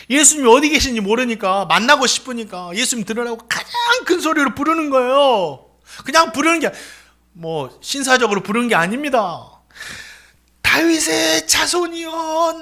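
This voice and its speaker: A male pastor delivering a sermon in a strikingly high voice. He preaches dramatically, acting out the voices of the people he quotes, and his tone is bright and forceful throughout. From South Korea.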